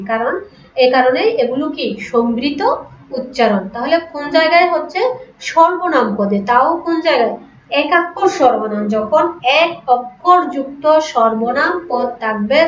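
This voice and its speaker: A woman's voice: sits high, slight background noise. Woman teacher, echoey distant online class. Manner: explains slowly, repeats example words, asks rhetorical questions. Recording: echoey room, distant lo-fi mic.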